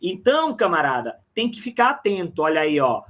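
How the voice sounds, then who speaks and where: Brief: male language teacher, raised pitch, friendly repetitive explainer style. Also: big pitch swings, brisk, phone-quality sound. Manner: chatty, repeats and checks with "né?", calls listener "camarada". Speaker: Spanish teacher. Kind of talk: recorded online lesson.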